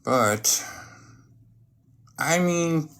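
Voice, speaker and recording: A live stream host chatting casually while showing off items, halting and often breaking off to greet viewers, with some noise and clicking. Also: mid-range voice, lively intonation, a bit bright. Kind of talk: casual live stream chat while unboxing oracle cards.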